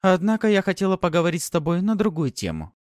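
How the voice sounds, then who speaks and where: A man's voice: sits high, big pitch swings, fast talker, dry recording, clean studio sound, voice pushed up. A man voicing a haughty, teasing noblewoman in an audiobook, commanding and mock-sweet. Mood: imperious. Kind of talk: audiobook character voice.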